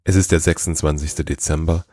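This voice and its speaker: A man hosting a podcast who talks calmly and personally to the listener, then narrates a story. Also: rumbling low, fairly quick, no echo, clean studio sound. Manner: calm, personal, addresses the listener directly.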